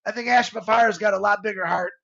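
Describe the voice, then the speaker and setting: An earnest man in his fifties speaks with a bright, gravelly voice that sits high for a man. He rambles with feeling, often stopping and restarting his sentences. The sound is slightly dull and lo-fi, like a livestream. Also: fairly even intonation, fast talker. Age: 50s. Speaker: show co-host. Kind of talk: live motivational talk.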